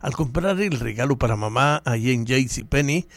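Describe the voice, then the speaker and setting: A man's voice: medium pitch, animated, normal speed, no echo. Male radio host, dry studio sound. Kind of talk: ad-libbed live sponsor read.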